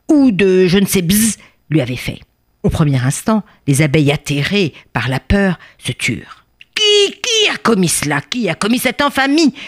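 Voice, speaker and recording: Expressive woman telling a children's story. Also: sits low, husky. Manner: expressive, drawn-out, playful.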